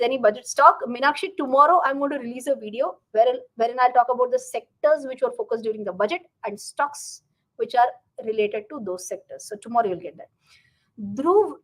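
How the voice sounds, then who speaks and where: A woman's voice: on the high side, low-quality recording. A woman with an Indian accent chats casually as a live stream host, reading out and answering viewer comments and slipping Hindi phrases into English.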